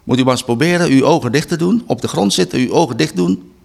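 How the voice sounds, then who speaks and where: A man giving a preaching Bible study talk, reading slowly and deliberately with emphatic restarts. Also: a little high, animated, vocal fry, a little mellow, husky. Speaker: Bible teacher.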